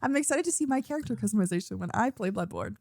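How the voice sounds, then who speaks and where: A woman's voice: a little high, lively intonation, racing, darkish tone, no room sound, clean studio sound. A young woman co-hosting a casual podcast chat, bubbly and giggly, peppering her talk with "like". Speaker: podcast co-host.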